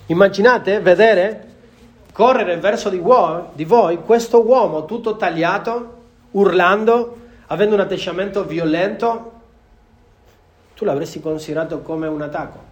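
A man's voice: high-pitched, measured pace. A man preaching a sermon to a congregation in an earnest manner, often repeating phrases for emphasis.

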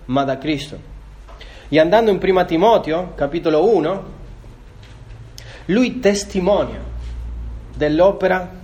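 A man preaches a sermon with a voice on the higher side for a man. He reads verses aloud between his comments and speaks straight to his listeners. He often poses a question and then answers it himself. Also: a little mellow. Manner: addresses listeners directly, asks and answers own questions.

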